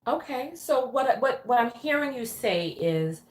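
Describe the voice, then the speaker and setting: A woman's voice: a little high, expressive, unhurried. A woman hosting live call-in coaching, speaking in a guiding, conversational way. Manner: guiding, reflects back and checks in with questions. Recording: echoey, roomy sound.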